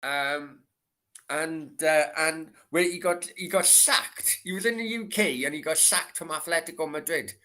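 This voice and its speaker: A fairly high, sharp-toned voice, a little slow, belongs to a middle-aged livestream host from Merthyr, south Wales. In a Valleys accent he chats casually through a late-night football Q and A, swearing, rambling and going over the same points again.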